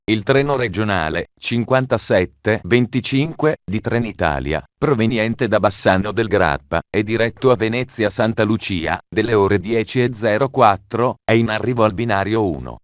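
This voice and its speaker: A man with a fairly low voice delivers automated train station announcements, formal and measured, his phrases audibly stitched together. There's no echo on the recording.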